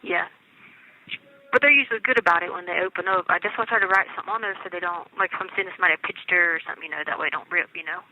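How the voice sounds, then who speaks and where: This recorded jail phone call features a middle-aged American woman speaking quickly in a voice on the low side. The inmate keeps the personal conversation casual yet insistent, frequently checking she's understood, all over a thin, tinny line.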